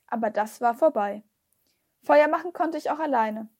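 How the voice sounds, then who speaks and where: A woman narrates a storybook aloud with a high, light voice. She reads in a steady, expressive way. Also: normal speed. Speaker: audiobook reader. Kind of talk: scripted narration.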